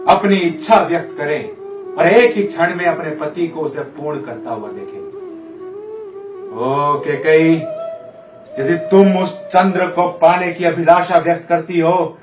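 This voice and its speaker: A man playing a lovesick, anguished emperor in a Ramayana stage monologue, declaiming grandly to his sulking queen and swinging between hushed and loud delivery. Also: a little high, natural voice. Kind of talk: theatrical Hindi stage monologue from a Ramayana play. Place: theatre stage, with music behind the voice. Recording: echoey theatre hall, distant mic.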